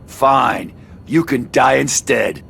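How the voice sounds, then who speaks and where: A man voicing a gruff, impatient middle-aged bounty hunter in a hammy anime dub, with a growling delivery. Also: medium pitch, fairly even intonation, slow, fairly bright tone, a little hiss or hum, full character voice. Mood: threatening, impatient. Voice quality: gravelly, growling.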